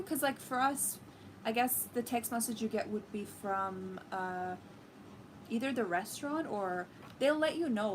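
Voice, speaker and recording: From a living room with a red sofa, a young woman hosts a livestream, her fairly high-pitched voice chatting casually and leaning on many fillers. She's from Iran, a native Farsi speaker, and the background is noisy.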